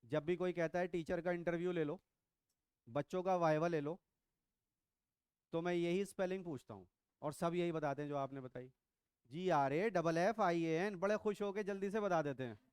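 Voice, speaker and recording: Middle-aged male biology teacher, high smooth voice, playful and quizzing. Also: moderate pace, long pauses, darkish tone, no echo, clean studio sound. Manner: teasing, quizzing students, mixes English into Hindi. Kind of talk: classroom lecture. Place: classroom.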